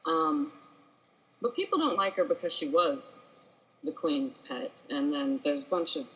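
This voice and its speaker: A woman's voice: deep voice, lively intonation, a little slow, dull audio. A woman author, a guest on a podcast, chatting casually from home and laughing as she rambles through her explanations. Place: home room with cats and girlfriend.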